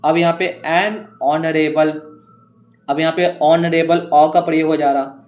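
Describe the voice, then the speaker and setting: Hindi-speaking man teaching grammar, a touch high. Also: steady tone, darkish tone. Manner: explains step by step, reads English examples slowly. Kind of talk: exam-prep grammar lesson.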